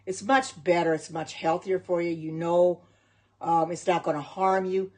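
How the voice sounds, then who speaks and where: A middle-aged American woman, a home cook and vegan livestreamer, chats casually from her kitchen. Her voice is on the low side and darkish, at a moderate pace, as she rambles and responds to viewers' comments.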